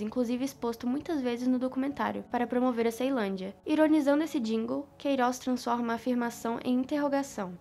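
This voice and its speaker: A woman reading a scripted analysis of a documentary, in an even, read-aloud manner. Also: a little high. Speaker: student presenter. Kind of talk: scripted video-essay narration.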